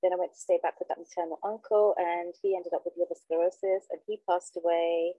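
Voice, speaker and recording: Nervous woman, lowish voice, dull audio. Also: fairly even intonation, brisk, no room sound. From London, England. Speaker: podcast guest, trainee counsellor. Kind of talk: casual personal storytelling in interview. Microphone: handheld mic on remote call.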